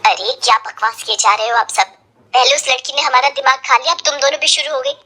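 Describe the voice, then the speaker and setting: A woman voicing an exasperated middle-aged mother-in-law in a cartoon story, loud, scolding and dramatic. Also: high voice, steady tone, fairly quick. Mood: irritated.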